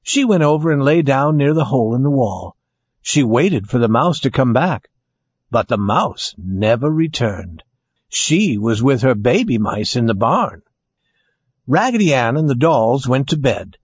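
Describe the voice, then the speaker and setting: Husky man reading a lively storybook. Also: mid-range voice, a little slow, no room sound. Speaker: narrator. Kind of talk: storybook read-aloud. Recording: dry, dull lo-fi sound.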